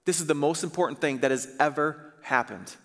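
A man in his thirties, a pastor preaching on a church stage, earnest and emphatic, slowing to stress key phrases. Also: a little high, a bit bright. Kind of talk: sermon. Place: large church stage, indoors. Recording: reverberant church hall.

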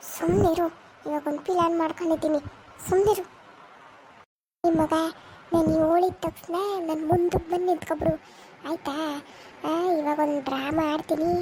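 A woman's voice: very high-pitched, a little mellow, slight background noise. A woman playing a scheming village mother in an amateur skit, wheedling and pleading.

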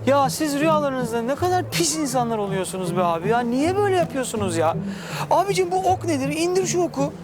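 A man's voice: very high-pitched, sing-song, quick pace. A young adult man playing an exasperated guy stuck in a friend's dream, complaining and pleading. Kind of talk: sitcom acting.

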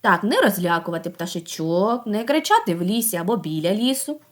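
A woman teaching a group of young children, asking coaxing questions, praising them and sounding out words slowly. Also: medium pitch, lively intonation. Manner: slow, drawn-out sounding out of words. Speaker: preschool teacher.

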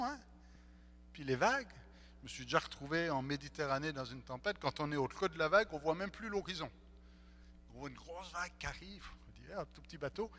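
A man preaching a sermon as pastor, speaking in an animated way and acting out the voices of the people in the story. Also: on the high side. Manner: animated, acts out the disciples' voices. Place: church. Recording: echoey church hall, faint hum.

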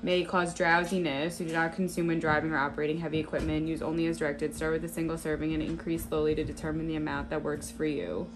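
A woman chatting casually at home and reading a label aloud in a flat way. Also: sits low, fast, hardly any pauses. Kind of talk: casual chat. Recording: echoey noisy room.

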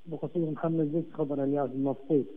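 Man from Mosul on a faint, tinny phone line. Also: steady tone. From Mosul, Iraq. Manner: halting, repeats himself. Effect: faint, low-quality phone line. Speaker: caller. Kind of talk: call-in question to a radio show.

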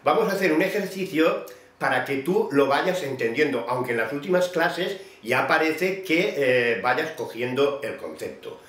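A man's voice: fairly high pitch, lively intonation, normal speed, a bit bright, roomy sound. A man giving a vocal technique lesson, explaining patiently and speaking to his student by name. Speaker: voice teacher.

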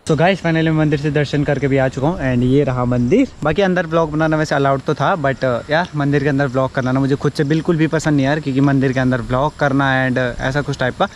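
A young adult motovlogger with a mid-range voice chats casually and thinks out loud, mixing in English words as he rides a scooter on outdoor roads and stops along the way. It's captured on a helmet-mounted or handheld action camera, so the audio is noisy with vehicle sound.

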